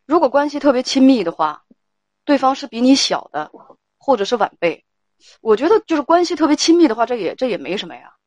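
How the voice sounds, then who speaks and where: A woman's voice: sits high, sing-song, brisk, a little mellow, no room sound. A woman hosting a live call-in advice stream, firmly steering and judging a caller's family quarrel. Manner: firm, talks over the caller to steer her. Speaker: livestream advice host.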